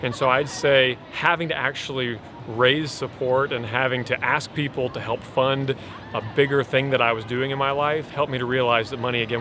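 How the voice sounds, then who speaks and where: A man being interviewed gives a thoughtful, measured answer, pausing on fillers as he thinks. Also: medium pitch.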